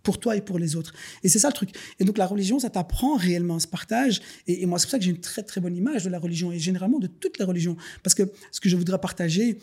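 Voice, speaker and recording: Man, rapid, husky, dark-toned, earnest. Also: sits high. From Belgium. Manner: earnest, preachy storytelling, addresses listeners as "les gars". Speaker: podcast guest, business owner. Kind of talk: casual podcast conversation.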